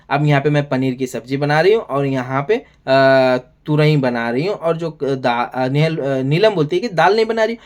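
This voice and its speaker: Rambling male TV show reviewer. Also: fairly high pitch. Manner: rambling, fills every sentence with "here" and "brother"; exasperated asides to the viewer. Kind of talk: casual episode recap and commentary.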